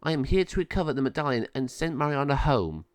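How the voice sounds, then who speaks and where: A man's voice: mid-range voice, expressive, fast talker, dry recording, voice pushed up, natural voice. A man voicing an earnest, wise sorceress, a big sister and heroine in a storybook, speaking emphatically. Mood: stern.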